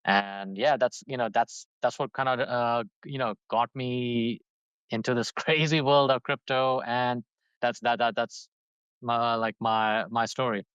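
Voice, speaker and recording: A man in his thirties from Dubai rambles casually as a podcast guest, using lots of fillers and restarting his sentences often. His mid-range voice is steady, clear and resonant with a fairly bright tone, and he speaks at a measured pace. The recording is muffled but has no echo.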